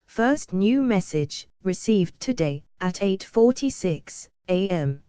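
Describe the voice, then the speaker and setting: A woman voicing a mechanical answering-machine announcer, slow, clipped and flat. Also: medium pitch, smooth, dry recording.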